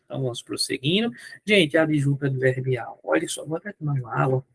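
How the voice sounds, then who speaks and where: A man's voice: mid-range voice, expressive, fast talker, creaky, breathy edge, dry recording. A man with a Brazilian Portuguese accent teaching an online grammar lesson, asking questions and answering them himself, with a strained throat.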